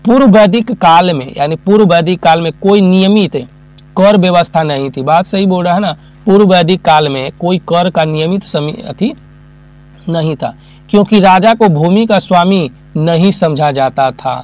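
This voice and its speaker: High-voiced teacher with a lilt. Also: male voice, normal speed. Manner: asks listeners questions and answers them himself; uses homely examples, repeats key terms. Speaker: exam-prep teacher. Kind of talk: classroom lecture.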